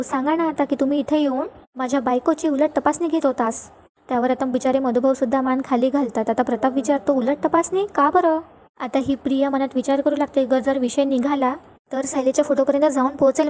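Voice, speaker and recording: Quick high-voiced woman recapping a serial. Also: darkish tone. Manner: retells scenes, reading characters' lines in her own voice. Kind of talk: fast storytelling recap with quoted dialogue.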